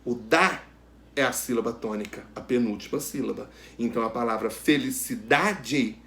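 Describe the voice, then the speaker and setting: A man teaching a grammar lesson, asking questions and answering them himself, stretching out each example word slowly and loudly. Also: mid-range voice, slight background noise. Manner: addresses students directly, asks and answers questions.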